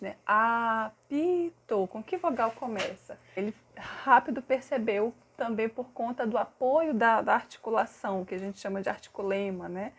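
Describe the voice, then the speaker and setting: A woman from Brazil, a literacy teacher, recounts a case study and explains it, stretching words out slowly to model syllables and vowel sounds. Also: mid-range voice, slightly rough.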